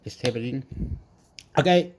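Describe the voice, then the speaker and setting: Chilean-accented man, home cooking vlog, mellow voice, rambling, mixes in Spanish. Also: mid-range voice, moderate pace. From southern Chile. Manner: rambling, switches between English and Spanish. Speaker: cooking vlogger. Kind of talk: casual cooking vlog with pep talk. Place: home kitchen.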